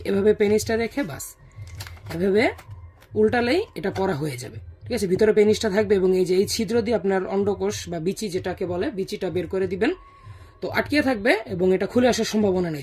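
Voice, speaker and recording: A seller with a husky voice giving a casual, explanatory product demonstration and often checking in with listeners. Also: medium pitch, a little mellow. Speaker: product seller presenting a sales video.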